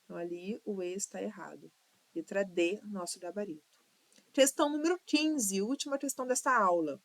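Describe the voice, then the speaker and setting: This online exam-prep lesson features a Brazilian Portuguese teacher, a woman who patiently goes through each question, stretching out words and counting their syllables aloud. She speaks at a moderate pace in a medium pitch, with no echo.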